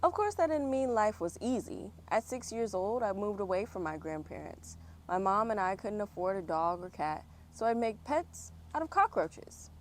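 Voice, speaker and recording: A woman with a medium-pitched, animated voice reads a picture book for kids at a normal speed, chatting encouragingly to her young audience between lines. She's recorded outside on an autumn day, with outdoor ambience and traffic going by.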